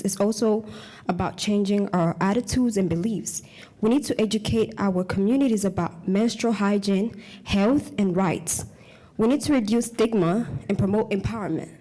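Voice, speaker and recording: A young woman with a mid-range, dark-toned voice delivers a prepared speech to an audience as a community speaker. Originally from Congo and raised in Uganda, she speaks earnestly but haltingly, often stopping to restart words.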